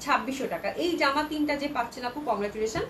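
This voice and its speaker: A woman's voice: high-pitched, very fast, fairly bright tone, a little hiss or hum, low-quality recording. A woman from Bangladesh hosting a live clothing sales stream, chatting with viewers and reading out their comments, with a sore throat from a cold. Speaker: online clothing seller.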